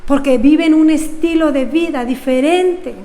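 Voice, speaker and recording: High-voiced woman pastor preaching. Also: measured pace, mellow, big-room sound. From Mexico. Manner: earnest preaching with rhetorical questions. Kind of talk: sermon.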